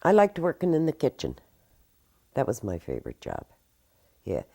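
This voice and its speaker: A woman's voice: extremely low pitch, huge pitch swings, normal speed, gravelly, warm tone, breathy edge. An older woman from Philadelphia, explaining childhood chores plainly in an interview. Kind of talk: reminiscing interview.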